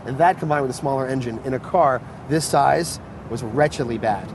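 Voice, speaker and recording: A man's voice: medium pitch, a little fast. A man talking casually as a guest about his car, rambling through explanations with fillers, recorded outdoors on a street. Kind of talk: casual chat. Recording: noisy outdoor street sound.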